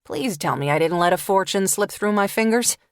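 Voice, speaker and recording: A woman's voice: mid-range voice, expressive, brisk, no echo, clean studio sound, lightly acted. A woman narrator voicing a chatty, teasing male friend in an audiobook. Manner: teasing, casual.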